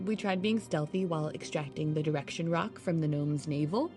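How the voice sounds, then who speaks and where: A woman's voice: sits low, fairly quick, dark tone, soft background music, close to an everyday voice. A woman narrating and acting a lead in an audio drama, dry, matter-of-fact and a little exasperated.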